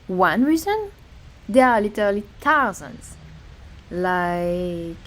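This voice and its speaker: A woman acting in an animated short film, speaking in an earnest, questioning manner. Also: medium pitch, slow. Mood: indignant. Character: opinionated woman, later a polite, attentive therapist. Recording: music under the voice.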